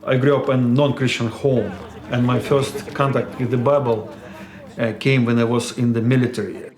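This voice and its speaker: A man, a missionary telling his story in an interview in a measured, reflective way. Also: mid-range voice, steady tone, a crowd in the background. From Ukraine. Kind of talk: personal testimony interview. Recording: roomy echo with music underneath.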